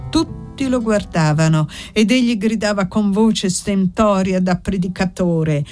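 A woman narrating a classic novel in a calm, even storytelling manner. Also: medium pitch, unhurried, dry recording, soft background music. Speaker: audiobook narrator. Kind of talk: scripted narration.

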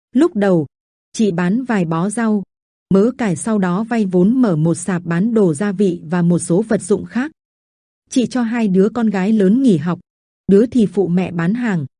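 A woman narrating a written story in a steady, even reading voice. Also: medium pitch, breathy edge, no room sound, clean studio sound.

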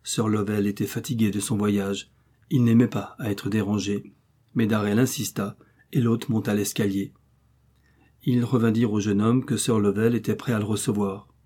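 Male audiobook narrator, steady measured reading, mellow husky voice. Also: fairly low pitch. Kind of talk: scripted narration.

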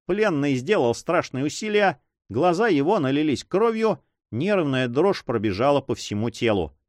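A man reads an adventure novel aloud in an expressive, dramatic style. His intonation is animated and varied. The voice is recorded close and dry. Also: on the high side, normal speed, dry recording. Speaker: narrator. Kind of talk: audiobook reading.

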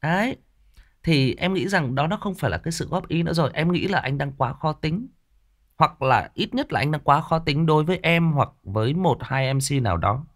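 A man with a Northern Vietnamese accent, an audiobook narrator speaking off the cuff and defensively to a critical listener, with many fillers and restarts. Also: a little high. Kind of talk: unscripted direct address to a commenter.

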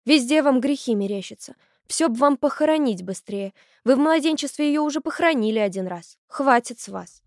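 A woman's voice: high-pitched, expressive, a little fast, darkish tone, no echo, pitched above the performer's own voice. Indignant, retorting village mother, read by a woman; dry, close sound. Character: exasperated village mother, snapping back. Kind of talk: audiobook character voice.

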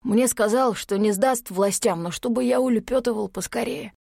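A woman voicing a chatty male merman, talking high and excitedly, in an audiobook. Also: normal speed, creaky, no room sound, studio quality.

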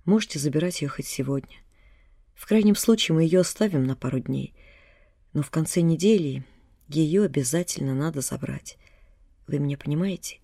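A reader voicing an elderly, sympathetic male doctor in an audiobook, matter-of-fact and gently firm. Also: medium pitch, moderate pace, vocal fry, no echo, studio quality. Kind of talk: audiobook reading.

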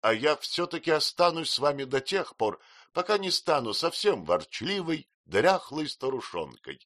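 A man voicing an excitable, fiercely loyal female servant with loud, high outbursts. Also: moderate pace, dry recording, studio quality. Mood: fond.

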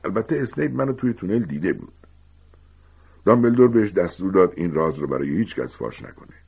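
A weary, gentle male teacher, as a man reads him confides in a deep, gravelly voice with lively rises and falls. The audiobook sound is dull and lo-fi. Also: full character voice. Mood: confiding. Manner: calm, confiding storytelling. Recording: dull lo-fi recording.

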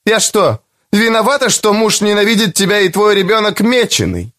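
A man's voice: high-pitched, expressive, moderate pace, fairly bright tone, pitched above the performer's own voice. A man voicing a rude, scornful neighbour woman with a mocking tone. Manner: mocking, dismissive. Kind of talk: audiobook character voice.

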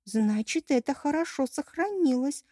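A woman's voice: high voice, expressive, moderate pace, dark tone, no room sound, studio quality, pitched above the performer's own voice. An eager, curious young merman from a fairy-tale audiobook, voiced by a woman reader. He fires off inquisitive questions, keen for every detail.

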